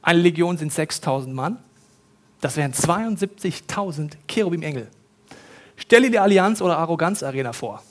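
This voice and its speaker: A middle-aged man preaching a sermon in a casual, slangy way, talking straight to the congregation and acting out quotes with sudden loud rises. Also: fairly high pitch, animated, normal speed. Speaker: pastor.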